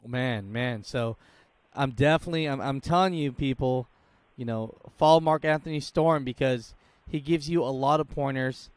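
A man's voice: medium pitch, moderate pace, no echo. A man in his thirties hosting an interview, talking with encouraging enthusiasm into a studio mic. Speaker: host. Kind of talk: casual interview talk. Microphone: studio mic with headphones.

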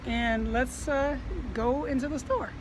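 A woman's voice: high-pitched, unhurried, very noisy. A woman vlogging casually, her speech slightly muffled through a face mask, recorded on a handheld phone. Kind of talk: casual vlog chat. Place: outside shops and inside a fabric store. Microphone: phone at arm's length.

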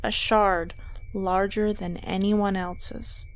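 A woman telling a tabletop game story as scripted narration, dramatic and expressive, on a close mic. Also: mid-range voice, slow.

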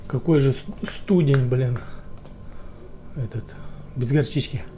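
A man's voice: mid-range voice, slow pace. Man talking with a mouth full of salad. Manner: mumbling, muttering between bites. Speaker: mukbang vlogger. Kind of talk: casual eating commentary. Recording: muffled lo-fi with clear background noise.

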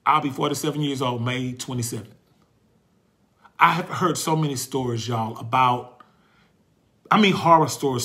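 This faith talk host, a man in his forties, has a medium-pitched voice that sounds pushed and bright. He preaches with passion, repeating phrases to stress them and stopping to find words whenever he grows reflective.

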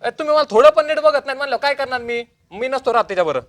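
A man plays a petulant young husband, bossing and whining in a comedy sketch. His voice is very high and bright. He talks fast. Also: lively intonation. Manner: whiny, bossy.

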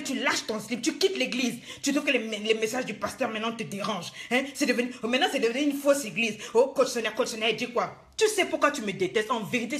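A woman's voice: a little high, a bit bright. A woman life coach, scolding her viewers in a live-streamed motivational talk, emphatic and full of rhetorical questions.

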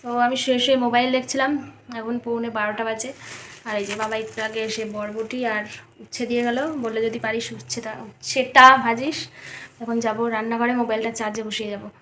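A young woman narrates her household chores in a loose, rambling vlog chat. Her voice sits high and moves fast. A constant hiss of background noise runs under the recording. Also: flat delivery. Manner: chatty, rambling commentary on chores. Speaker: vlogger. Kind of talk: casual daily vlog narration. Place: home in a village. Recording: noisy background.

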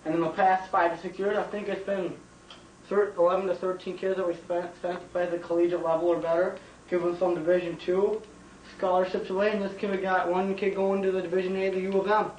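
Teacher impression: intense baseball coach played by a young man, high voice, emphatic, repetitive speechifying, roomy comedy skit recording. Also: little pitch movement, fairly quick, a little mellow, lightly acted. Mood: earnest, proud. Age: young adult. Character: intense, earnest male baseball coach obsessed with the game. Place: home kitchen. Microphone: camcorder across the room. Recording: roomy, distant, hissy home camcorder.

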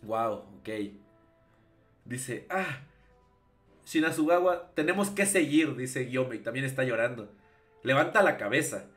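A man's voice: medium pitch, expressive, unhurried, pauses often, a bit bright. A man with a Mexican accent reacting live to a manga as a streamer, emotional and swearing often, repeating his exclamations. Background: faint background music.

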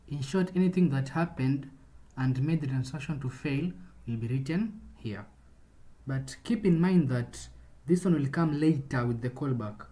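A man with a mellow, dark-toned voice walks through a coding tutorial in a casual, explanatory way, often stopping to restart a phrase. He sounds like he is talking into a desk microphone while sharing his screen. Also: mid-range voice. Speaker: programming tutor.

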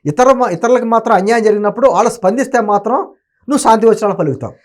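A high-pitched man talks very fast, giving opinionated political commentary as an interview guest. Emphatic and argumentative, he keeps posing rhetorical questions.

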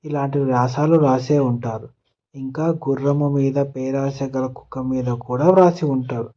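A man's voice: medium pitch, steady tone, measured pace. Man telling a children's story, lo-fi. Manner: gentle storybook telling, voicing characters' lines in turn.

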